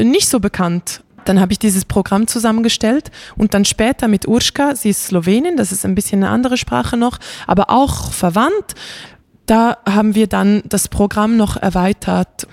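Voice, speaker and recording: With a medium-pitched, somewhat dark tone and no room sound, a young woman chats in a relaxed interview. She's a Swiss classical singer brought up bilingual in Bosnian, and she talks animatedly, peppering her speech with fillers and light laughs.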